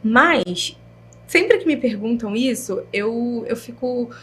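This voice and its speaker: A young woman with a Brazilian Portuguese accent, a guest telling a personal story in a chatty, lively way full of slang fillers. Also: fairly high pitch, slow, slightly rough, soft background music. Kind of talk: interview storytelling.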